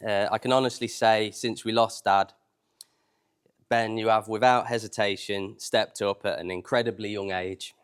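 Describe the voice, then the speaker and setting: Man, lowish pitch, smooth clear tone, informal humorous wedding speech. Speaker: wedding speaker. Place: wedding reception, live before guests.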